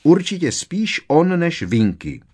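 A man voicing a teenage witch girl who argues her point in a shrill, insistent way. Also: lively intonation, a little mellow, natural voice.

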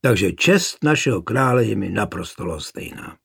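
A man voicing a gruff, rebellious soldier who grumbles defiantly, in a gravelly, husky voice. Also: lowish voice, animated, fairly bright tone, exaggerated voice. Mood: grumbling.

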